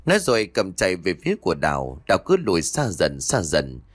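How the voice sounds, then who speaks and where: A man narrating a scripted ghost story with expressive, varied intonation. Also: low voice, fairly quick.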